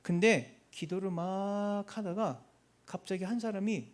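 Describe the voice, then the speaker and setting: A man, a missionary, giving an animated church testimony and acting out the people in his story. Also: sits high, a little slow. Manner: animated, acts out quoted people.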